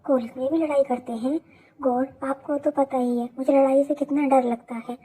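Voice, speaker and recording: A woman's voice: high voice, steady tone, moderate pace, dark tone, natural voice. A woman voicing a timid young college boy. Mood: nervous. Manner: timid, fretful.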